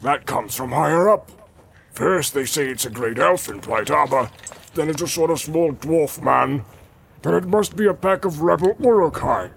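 Man putting on a big orc soldier, gravelly, high and blustering, swinging wildly in pitch, hissy background. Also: animated. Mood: gruff, bragging. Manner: blustering, quick to shout threats. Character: big bullying male orc soldier, hot-tempered.

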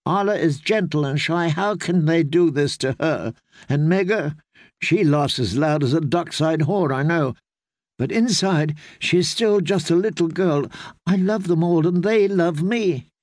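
A man's voice: fairly high pitch, unhurried, darkish tone, no room sound, clean studio sound, close to an everyday voice. A man reading an audiobook, voicing a young queen who is frightened and indignant. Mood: distressed. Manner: heated, indignant pleading.

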